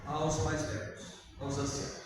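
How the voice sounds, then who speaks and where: A man's voice: on the high side, completely flat delivery, measured pace, noisy background. An older man preaching a sermon in a Brazilian Portuguese accent, talking conversationally and putting questions to the congregation. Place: church hall. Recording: echoey hall, far from the mic.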